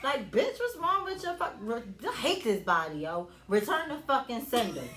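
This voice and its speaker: A woman's voice: a little high, very animated, moderate pace, a bit bright, a little hiss or hum. Rowdy cussing podcast lady, voice jumps all over, echoey room. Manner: profane, rowdy, playful. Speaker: podcast co-host. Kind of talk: casual podcast chat.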